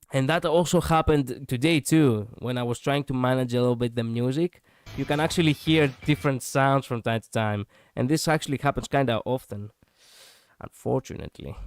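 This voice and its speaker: A male VTuber streamer chats casually and reflectively, musing aloud and laughing at his own slip-ups in a self-deprecating way. His mid-range voice is smooth with a darkish tone, and there's no room sound.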